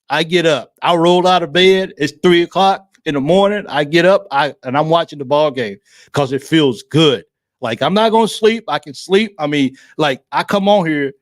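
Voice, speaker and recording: A man's voice: fairly high pitch, no echo, studio quality. A man hosting a sports livestream, talking emotionally and effusively, repeating himself and restarting his phrases. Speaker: livestream sports show host. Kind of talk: excited casual fan commentary.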